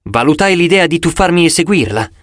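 A man narrating a first-person audiobook in an expressive storytelling manner, recorded close in a studio. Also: fairly high pitch, brisk, no echo.

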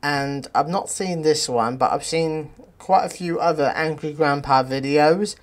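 A man's voice: a little high, unhurried. A British man with a slight lisp, rambling casually as a YouTube reaction host. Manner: rambling, repeats "pretty much".

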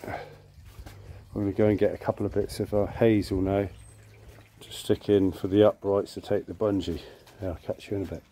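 A man's voice: fairly low pitch, level tone, normal speed, mellow. A man giving a casual hands-on woodworking demonstration outdoors, informally muttering asides to himself as he works. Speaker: woodworking video presenter. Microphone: handheld camera. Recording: clear background noise with clicks.

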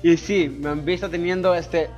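A high-pitched young man from Ecuador doing a casual question-and-answer voice-over. He jokes loudly and crudely and swears a lot. Faint music plays behind him. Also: fairly even intonation, normal speed, muffled recording. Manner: boisterous, crude joking with lots of swearing. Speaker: YouTuber answering viewer questions.

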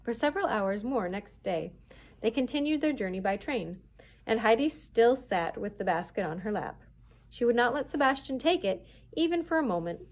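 A children's librarian reading a chapter book aloud in a clear, expressive storytelling manner. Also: female voice, fairly high pitch, normal speed.

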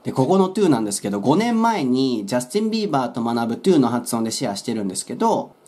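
A man's voice: mid-range voice, big pitch swings, quick pace, warm tone. Friendly male English teacher. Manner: friendly, explanatory, playful asides. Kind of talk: explaining song lyric pronunciation.

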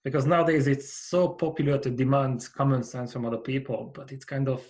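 A Hungarian-accented man in his forties speaks on a video-call podcast through a headset boom mic. His voice is mid-pitched and his delivery is earnest and measured. He sounds like he is in a small home office. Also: fairly even intonation, a little mellow. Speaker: company founder, guest. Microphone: over-ear headset with boom mic.

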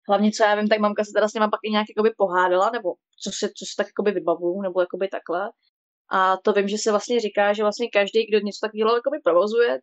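A woman's voice: medium pitch, dry recording, lo-fi sound. A woman casually telling a spooky childhood story on a stream, rambling and constantly padding with filler words. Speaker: guest storyteller.

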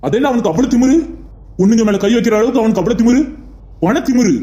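A man's voice: very high voice, fast, warm tone. A man playing a curt cartoon policeman. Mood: stern. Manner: curt, questioning. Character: brisk, stern male police officer. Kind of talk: Tamil cartoon voice acting.

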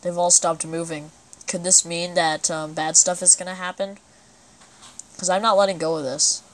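A woman giving let's play commentary as she plays, excitable and breaking into sudden exclamations. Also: on the low side, moderate pace. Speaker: gamer.

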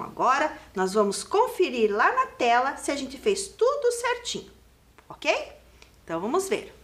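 A woman's voice: high-pitched, fairly bright tone. A woman teaching young children on an educational TV lesson, asking questions and guiding them step by step. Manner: slow, sing-song, questioning children at home. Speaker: primary school teacher. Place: TV studio classroom.

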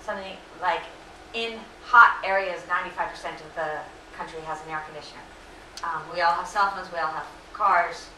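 Slightly hoarse middle-aged woman, bright lower voice, lecture guest recorded from across an echoey room. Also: fairly quick, slight background noise. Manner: earnest, many fillers and self-corrections. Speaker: invited lecture speaker. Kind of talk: lecture Q&A answers. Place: lecture hall. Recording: echoey room, distant mic.

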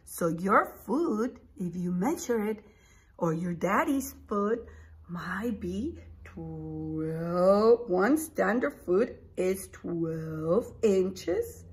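Reading a picture book aloud in a small indoor room with posters, this preschool teacher in her forties draws out her words in a medium-pitched voice. She's animated and expressive, exclaiming and putting questions to her young listeners.

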